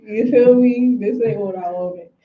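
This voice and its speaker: A woman's voice: medium pitch, unhurried. A woman in a casual spiritual conversation, telling personal stories openly and dropping slang into her talk. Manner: candid, storytelling with slang. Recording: roomy, dull lo-fi audio.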